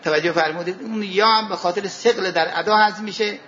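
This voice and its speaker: A man teaching a seminary class on Arabic grammar and scripture, asking his students questions, answering them himself, and reciting verses slowly. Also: high-pitched, fairly bright tone, muffled recording, a little hiss or hum. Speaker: religious studies teacher.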